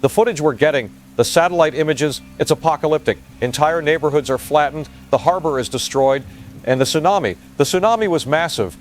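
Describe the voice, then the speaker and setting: In an audio drama news report, an actor voices a rattled male field correspondent delivering his report with grave urgency. The delivery is lightly acted, with a slightly high voice and a somewhat quick pace.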